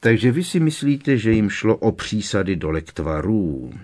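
A man voicing a gruff, grizzled older male dark-wizard hunter who growls slowly and menacingly, in an audiobook reading. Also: on the low side, very animated. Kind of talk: audiobook character voice.

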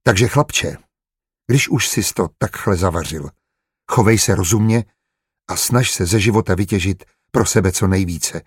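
Storybook role: measured middle-aged official, low, husky, dry, read by a man. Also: no room sound. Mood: stern. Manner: gentle, measured.

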